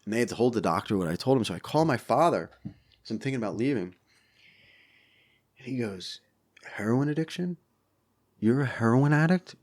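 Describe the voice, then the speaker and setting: A middle-aged man with a medium-pitched voice speaks at a moderate pace and pauses often. Guesting on a podcast, he's an animated storyteller in casual interview talk, acting out quotes and swearing frequently.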